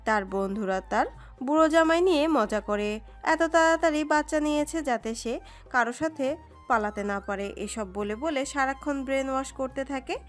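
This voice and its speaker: A woman narrates a romantic story with an expressive, dramatic reading. Her voice sits high, and soft music plays underneath. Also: moderate pace. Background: soft background music.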